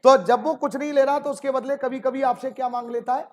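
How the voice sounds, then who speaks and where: A man's voice: very high-pitched, little pitch movement, fairly quick. A man teaching an accounting lesson, fondly calling students "beta ji" and asking rhetorical questions.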